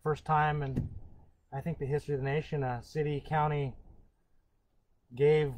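A man from Northern California giving a live-streamed educational talk as a cultural educator. He speaks in an earnest, halting way, with frequent pauses and restarts. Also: on the high side, little pitch movement, a little mellow, rough recording.

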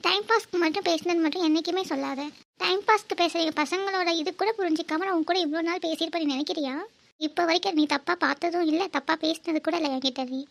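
Cartoon lead: a woman voicing an earnest young woman in love, very high and squeaky, fast-talking and emotional. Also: vocal fry. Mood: insistent. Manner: emotional, pleading. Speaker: narrator and lead character. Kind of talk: cartoon voice acting.

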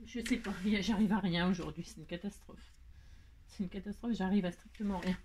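A woman's voice: medium pitch, fairly even intonation, a little fast, a little mellow. French woman, craft tutorial host, mumbling to herself, faint background noise. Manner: muttering, self-talking, exasperated asides and little laughs. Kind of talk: chatty hands-on crafting tutorial.

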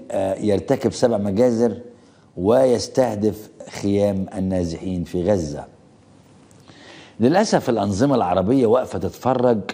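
Low voice, mellow tone, Egyptian man, indignant commentary host. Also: breathy edge. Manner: indignant, rhetorical questions. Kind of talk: political commentary.

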